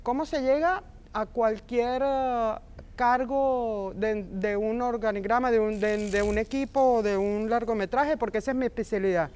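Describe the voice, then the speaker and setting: Speaking in an interview, a middle-aged film script supervisor, Argentine by birth and Venezuelan by upbringing, uses a fairly high, smooth voice at an unhurried pace. Her passion and warmth show through emphatic repetition.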